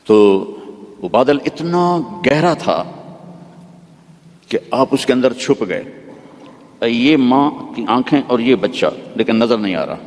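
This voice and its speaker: A preacher from Pakistan, telling a religious story vividly in a sermon. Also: male voice, medium pitch, animated, long pauses, darkish tone. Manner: vivid storytelling with demonstrative asides. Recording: long hall reverb.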